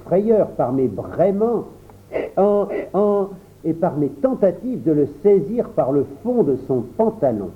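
A man reading a children's story aloud in an expressive storytelling manner, in a tinny phone-like recording. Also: a little high. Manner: animated, unhurried storytelling. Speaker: storybook reader.

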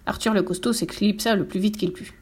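A woman narrating a children's storybook with a lively, expressive reading. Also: medium pitch, brisk, husky.

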